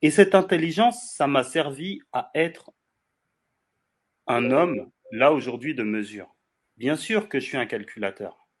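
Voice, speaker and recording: A man's voice: mid-range voice, unhurried, husky. A man of forty from France in a heated debate, insistent, repeating phrases and talking over the other speaker. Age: 40s. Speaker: debate guest.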